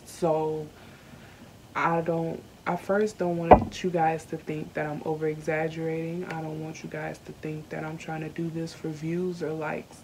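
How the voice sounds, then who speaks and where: A young Southern American YouTuber films a personal vlog at home, telling a story to her camera. Her low, dark voice comes across candid and earnest, slowed by emotion and full of ums and small hesitations. The recording is rough, with a faint hiss underneath.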